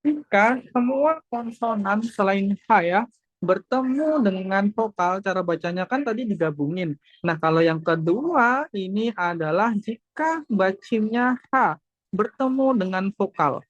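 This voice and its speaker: A woman teaching a class over a video call, explaining slowly, repeating points and checking that everyone understands. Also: medium pitch, lively intonation, dry recording, lo-fi sound. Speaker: Korean language teacher. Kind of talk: online class lesson.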